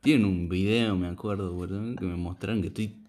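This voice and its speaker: A man's voice: low-pitched, steady tone, brisk, a little mellow. A young man with an Argentine accent telling a rambling story in casual chat, full of slang and fillers. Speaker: podcast co-host telling a story.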